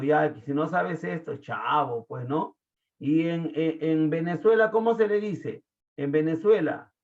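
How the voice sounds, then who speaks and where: A man from Peru with a Lima accent, teaching an online class in a chatty way, quizzing students and filling pauses. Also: on the high side. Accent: Lima Peruvian Spanish. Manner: chatty, asks the class questions, many fillers. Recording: tinny phone-like audio.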